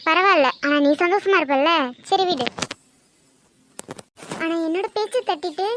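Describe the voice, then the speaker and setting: A woman performs a grieving middle-aged mother in a cartoon drama, her voice set high. She speaks with hurt, reproachful pleading, and a faint hiss sits under the track. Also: moderate pace, a bit bright. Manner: reproachful, emotional. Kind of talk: animated cartoon voice acting.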